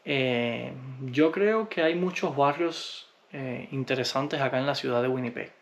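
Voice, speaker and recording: A man from Cuba, answering viewer comments in a relaxed, unhurried vlog, often pausing with hesitations. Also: mid-range voice, vocal fry, slight background noise. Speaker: vlogger.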